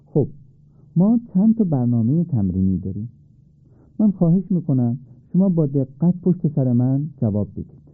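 A man's voice: mid-range voice, big pitch swings, no room sound. A man teaching Quran recitation on a radio lesson, polite and patient, asking his listeners questions and answering them himself. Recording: tinny phone-like radio recording.

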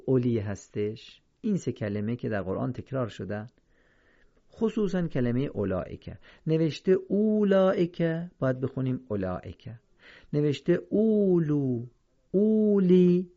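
A man teaching Quranic reading in a careful, explanatory lesson, slowing down when he quotes verses. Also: mid-range voice, vocal fry, dark tone, dull audio. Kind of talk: instructional lesson.

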